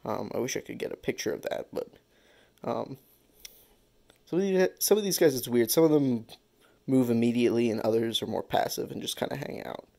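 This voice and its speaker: A man with a gravelly, mellow voice hosts a casual pet care vlog. He rambles in a relaxed way, with lots of "um"s and "uh"s between thoughts. His pitch sits in an ordinary middle range. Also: fairly quick. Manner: relaxed, rambling with many fillers. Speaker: pet-keeping channel host.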